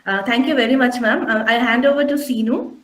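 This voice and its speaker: A woman's voice: on the high side, fairly even intonation, a little fast, fairly bright tone. A woman moderating a webinar Q&A in a polite, formal way over a video call. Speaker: question-and-answer moderator. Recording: echoey room.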